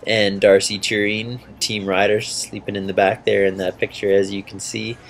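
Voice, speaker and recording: A man's voice: fairly low pitch, little pitch movement, normal speed, a little hiss or hum. A man narrating a road trip video and interviewing a guest in a laid-back, chatty way. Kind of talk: casual travel narration and interview.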